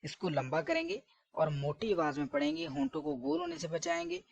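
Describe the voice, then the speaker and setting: A man's voice: very high voice, expressive, creaky, dry recording, lo-fi sound. A man teaching letter pronunciation, correcting common mistakes and stretching each sound long. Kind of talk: recitation lesson.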